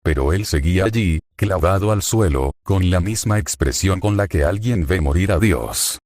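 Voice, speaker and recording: A man's voice: deep voice, animated, normal speed, a little mellow, no room sound, clean studio sound. A man narrating a fan fiction story in scripted, sardonic storytelling.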